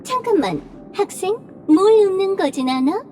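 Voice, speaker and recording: A woman's voice: very high voice, big pitch swings, moderate pace. A woman playing a strict, bossy little female drama teacher in a video game, theatrical and scolding.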